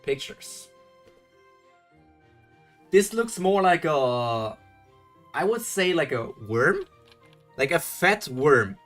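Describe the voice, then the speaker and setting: Very slow, with long pauses, this young German streamer speaks in a high, somewhat bright voice that swings widely in pitch, faint music behind him. He reads a webtoon live with a German accent, chatting loosely, musing aloud, restarting, chuckling, and answering chat.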